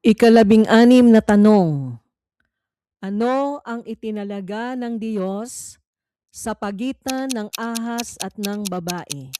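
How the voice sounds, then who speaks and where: A Filipino woman with a mellow, fairly high voice narrates a scripted read-along Bible quiz. She reads in a measured, deliberate way, pausing between phrases, with no echo.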